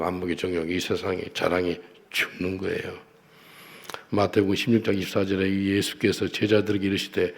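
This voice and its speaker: A man's voice: deep voice, gravelly. A middle-aged man preaching a sermon in a Korean accent, telling a story with emphasis and leading the congregation in repeated prayers. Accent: Korean, with Korean-accented English phrases. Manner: storytelling, acts out a street encounter with quoted English. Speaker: pastor.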